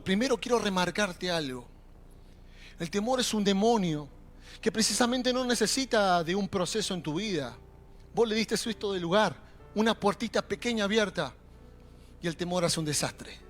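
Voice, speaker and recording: A young adult man preaching a sermon in a Rioplatense accent, animated and calling out to the congregation. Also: high-pitched, moderate pace. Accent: Rioplatense Spanish. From Argentina. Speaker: pastor. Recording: faint music behind.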